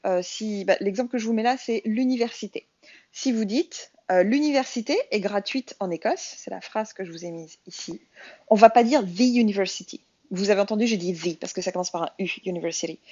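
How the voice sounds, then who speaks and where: A woman's voice: mid-range voice, a little mellow, no room sound, muffled recording. A woman whose first language is French, explaining English grammar in a casual, chatty lesson and addressing her viewers directly. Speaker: English teacher.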